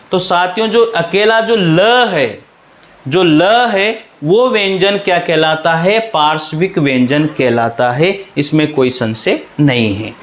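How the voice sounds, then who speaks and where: A man's voice: on the high side, fairly bright tone. A male teacher with a Rajasthani Hindi accent giving a grammar lecture, repeating each term and quizzing his listeners. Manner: addresses students as companions, reassuring. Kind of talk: classroom lecture.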